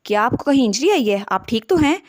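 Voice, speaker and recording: A woman's voice: fairly high pitch, very animated, a little fast, slight background noise. A woman reading the lines of a stern, protective wealthy male duke in a storybook retelling, giving urgent orders.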